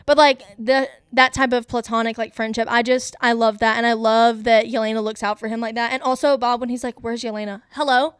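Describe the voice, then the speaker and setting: A woman's voice: fairly high pitch, level tone, a little fast, hardly any pauses, clean tone, no echo. A woman hosting her own show, giving a casual, gushing movie review in a chatty way, full of fillers. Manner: gushing, enthusiastic fan talk. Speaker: host.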